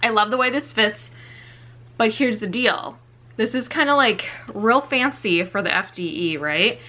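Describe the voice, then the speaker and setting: On the high side and unhurried, this young woman's voice sounds pushed and bright. She's casually vlogging a closet clean-out in a small walk-in closet, speaking candidly to a tripod camera a few feet away with many a "like" and "you know."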